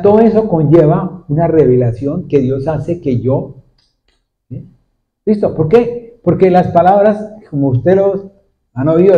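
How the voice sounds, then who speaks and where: A male pastor preaching a sermon to a congregation, repeatedly asking them questions in a steady, repetitive cadence. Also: fairly high pitch, a little hiss or hum. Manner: asks the congregation frequent questions. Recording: dull lo-fi recording. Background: seated congregation.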